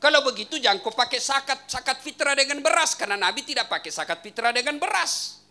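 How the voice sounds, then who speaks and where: A man's voice: very high-pitched, lively intonation, fast talker, sharp tone. A man preaching a humorous sermon at a religious gathering in a home, teasing the crowd and firing questions at them. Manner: teasing, quizzes the audience.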